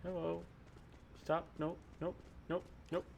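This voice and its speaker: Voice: medium pitch, level tone, takes it slowly, vocal fry, darkish tone, slight background noise. A gaming streamer giving casual, off-the-cuff commentary while playing.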